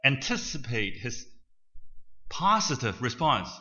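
Older man telling a story, bright voice. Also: mid-range voice, big pitch swings, slow, muffled recording. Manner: conversational, keeps checking in with "right?". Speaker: speaker addressing an audience. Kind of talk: storytelling talk.

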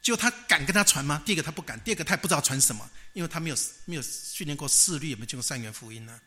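Male preacher, storytelling sermon, bright ringing tone, fairly high voice, rhetorical questions. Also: expressive, racing.

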